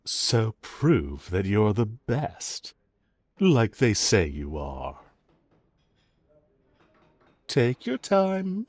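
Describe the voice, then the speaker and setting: Very slowly and with frequent pauses, a man in a heavily acted audio roleplay plays a cocky, flirtatious villain who feels no remorse, mocking the listener with sarcastic, dismissive teasing and a chuckling drawl. His lowish, darkish voice swoops wildly in pitch, captured at studio quality with no echo.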